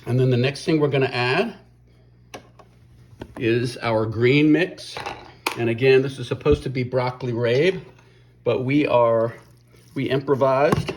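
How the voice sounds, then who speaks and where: A middle-aged man hosting a casual cooking vlog, talking in a relaxed, folksy way with many fillers, filming on a phone he holds. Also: medium pitch, a little slow, long pauses, a little hiss or hum. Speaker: fan forum founder and video host. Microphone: phone held by the speaker.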